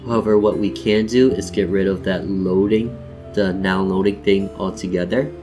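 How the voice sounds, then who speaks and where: This man's voice sits low with a darkish tone, fairly even intonation, and normal speed, over faint background music. As a tutorial host, he narrates his screen casually, joking with "you guys" through every step.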